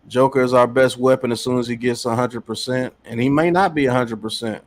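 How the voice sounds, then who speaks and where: A man with a mid-range voice hosts a casual sports podcast at a brisk pace. He reads out chat comments and argues his points animatedly and emphatically, repeating phrases.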